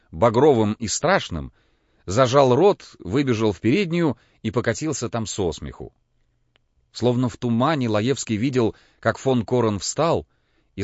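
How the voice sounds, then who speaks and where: A man narrating a classic novel as an audiobook, in an expressive storytelling voice. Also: mid-range voice, no room sound. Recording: dull, dry lo-fi recording.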